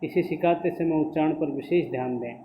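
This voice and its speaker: A man's voice: a little high, muffled recording. A man teaching young pupils in an online class, reciting syllables one by one and explaining them patiently. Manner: slow, careful syllable-by-syllable recitation. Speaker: schoolteacher. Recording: echoey room with faint background noise.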